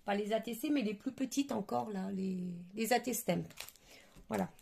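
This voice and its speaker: A woman chatting casually as she shows craft stamps on camera, hesitant, often pausing to search for words. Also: medium pitch, gravelly, darkish tone, a little hiss or hum. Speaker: crafting vlogger. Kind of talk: casual product show-and-tell.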